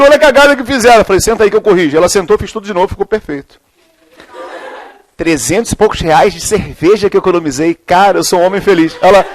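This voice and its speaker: A middle-aged male teacher from Brazil lectures a classroom at a quick clip, his voice sitting high. He mixes joking stories with questions fired at the students. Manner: joking storyteller, then quizzing the class. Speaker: chemistry teacher.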